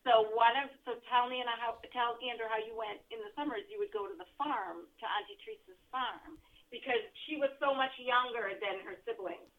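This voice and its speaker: A woman heard over a speakerphone line, briskly prompting and clarifying for a relative in a family chat. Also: fairly high pitch. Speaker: relative holding the phone and prompting. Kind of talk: casual family conversation. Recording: tinny phone line.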